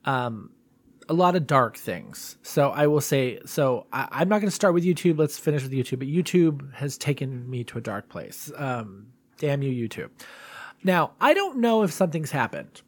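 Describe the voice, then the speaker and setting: A man's voice: medium pitch, sing-song, moderate pace, no room sound. A man hosting a solo podcast in a casual, confessional way, rambling and self-deprecating. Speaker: podcast host.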